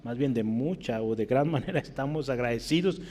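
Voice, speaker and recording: Predicador con eco de salón largo. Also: male voice, a little fast, warm tone. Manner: asks the congregation questions, often adds "¿verdad?"; rises in pitch and volume when reading Scripture aloud. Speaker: preacher. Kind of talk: sermon. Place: church hall. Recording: long hall reverb.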